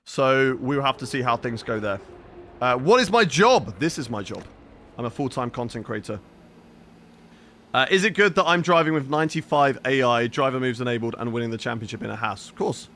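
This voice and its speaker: Medium-pitched, expressive, brisk and a bit bright, this young man's voice carries a live gaming stream. He plays a racing game while chattily reading his chat and responding to viewers' questions.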